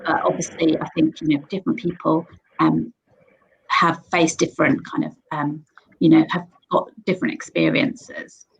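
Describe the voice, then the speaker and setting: A woman in her forties welcomes viewers to a live online panel on a computer mic at home. She talks in a chatty, upbeat way, full of ums. Her voice sits low, with a gravelly edge. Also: flat delivery, moderate pace, lo-fi sound. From Sri Lanka, raised in England. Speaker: host. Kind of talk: live webinar hosting.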